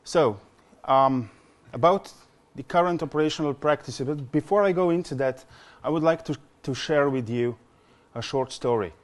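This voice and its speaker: At normal speed and with a voice a little high, a man in his forties delivers a conference presentation in non-native English marked by a Slovenian accent. He's from Slovenia and uses lots of fillers and repeated words.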